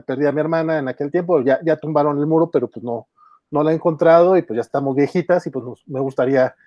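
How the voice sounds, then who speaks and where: Mexican man, fairly high mellow voice, loose rambling podcast storytelling, dry close recording. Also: no echo, dull audio. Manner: rambling, many restarts and fillers, chuckles. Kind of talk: casual chat retelling a comic.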